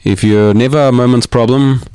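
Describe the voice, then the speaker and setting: A man from Austria in his thirties, talking as an interview guest in a living room, reflective and hesitant, with many pauses and restarts. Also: medium pitch, steady tone, mellow, clean tone, dry recording, clean studio sound. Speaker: podcast guest. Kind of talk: casual interview talk.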